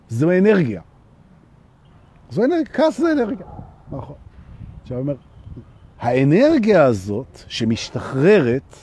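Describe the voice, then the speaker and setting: Animated man teaching live. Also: on the high side, slightly rough. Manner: animated, repeats phrases for emphasis and asks the audience "right?"; acts out little everyday scenes. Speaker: spiritual teacher. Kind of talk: live-streamed talk on anger and the ego.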